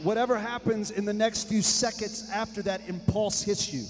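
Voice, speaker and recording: A man, a pastor, preaching a sermon in short phrases for an interpreter, at times dropping to a hush and at times shouting. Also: sits high, fairly even intonation, unhurried, soft background music. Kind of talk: sermon delivered through an interpreter. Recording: long hall reverb.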